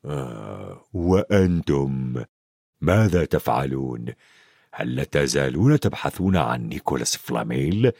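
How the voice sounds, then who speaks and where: A large, gruff half-giant groundskeeper speaks low and evasive, keeping his voice down, put on by a male reader. The pitch is deep and quiet. The recording is dry and close, with no room sound. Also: brisk, dry recording. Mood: hushed, wary.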